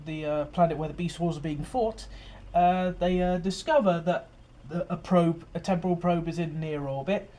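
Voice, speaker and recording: A man's voice: sits high, level tone, normal speed, few pauses, dark tone. A man giving a casual, rambling overview of an episode as host of his fan series, full of fillers and restarts.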